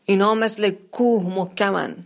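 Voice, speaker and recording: A pompous leader rallying his wheelchair-bound group with big speeches, voiced by a storyteller. He declaims with confident, booming conviction. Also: steady tone, creaky, natural voice. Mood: rousing.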